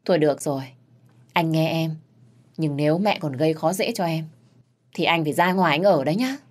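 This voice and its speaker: A woman voicing a gentle young husband who defends his wife and speaks softly to her. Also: low-pitched, brisk. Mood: tender. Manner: pleading, soft.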